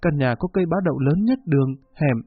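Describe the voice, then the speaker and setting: A man's voice: fairly high pitch, expressive, fast talker, husky, no room sound. A man voicing a sick young woman who is desperate yet resolute, speaking earnestly. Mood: feverish. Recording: dull lo-fi recording with faint music.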